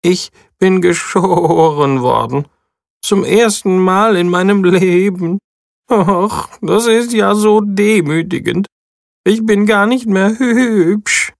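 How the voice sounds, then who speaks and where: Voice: mid-range voice, slow, gravelly, dry recording, studio quality, pitched above the performer's own voice. A storyteller voicing a vain, self-pitying male sheep who has just been sheared, wailing in a children's audiobook. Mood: ashamed. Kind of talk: audiobook character voice.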